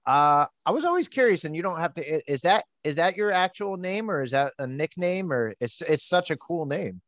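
A man's voice: on the high side, expressive, fairly quick, fairly bright tone, no room sound. A young man from the East Coast hosting a podcast, chatty and enthusiastic, rambling with lots of filler words. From United States (East Coast). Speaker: podcast host. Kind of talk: casual interview.

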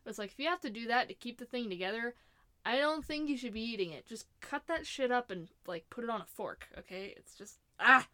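A woman's voice: fairly high pitch, expressive, a little fast, sharp tone, no room sound. Chatty young woman ranting, dry close sound. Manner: chatty, exasperated, laughs often. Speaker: vlogger. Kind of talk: casual opinion rant.

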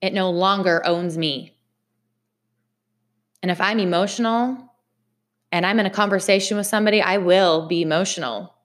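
A woman giving a casual motivational talk to her viewers, chatty and animated, repeating phrases for emphasis. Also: medium pitch, normal speed, long pauses. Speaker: vlogger.

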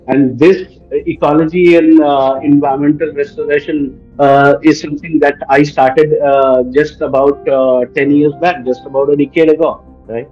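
A middle-aged Indian man speaks as a panel expert, in a fairly high-pitched voice. He explains earnestly and at length. The sound is a little lo-fi, with faint music behind him.

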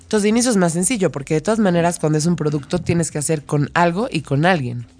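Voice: mid-range voice, quick pace, darkish tone. A co-host in casual chat, asking questions and agreeing.

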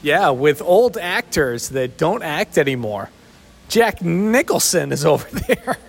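A man's voice: a little high, very animated, a little slow, creaky, slightly rough. A man co-hosting a podcast in casual, teasing chat, recorded in a sheltered outdoor spot with a big echoey reverb around his voice. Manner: easygoing, teasing, chuckles often. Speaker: podcast co-host.

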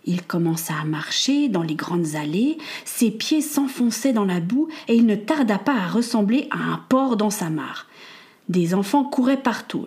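A woman narrating a children's storybook in a calm, even reading voice. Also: mid-range voice.

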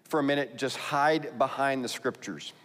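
A Texan pastor preaches a sermon in a conversational yet emphatic style, reading scripture aloud between his own remarks. His voice sits at medium pitch, slightly bright, at a normal speed. A long reverb reveals a large hall.

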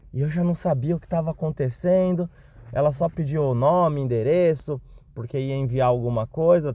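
In a lo-fi recorded message with no room sound, a listener shares a Christmas story at his own expense. His voice is fairly high, and he relives the anecdote animatedly in a casual storytelling style.

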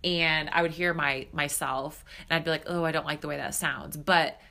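A woman in her thirties, a spiritual coach, hosts her own podcast as a solo monologue, chatting candidly with lots of fillers. Her low voice is creaky, bright and forceful, with fairly even intonation at normal speed, and she sounds a little stuffed up and nasal.

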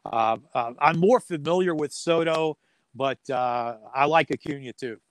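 A radio sports play-by-play announcer appears as an interview guest, chatting casually in a folksy, joking manner with dry humour. His voice is fairly high-pitched and his pace measured.

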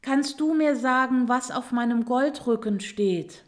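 A woman's voice: on the high side, a little slow, pitched above the performer's own voice, lightly acted. A woman voicing an impatient, vain female turtle with a golden shell, calling out insistently. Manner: insistent, indignant calls.

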